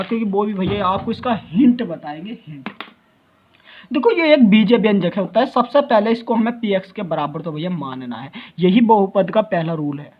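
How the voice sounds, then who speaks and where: A man's voice: high voice, highs cut off. A male math teacher giving a lecture, constantly asking his students rhetorical questions and calling them brother.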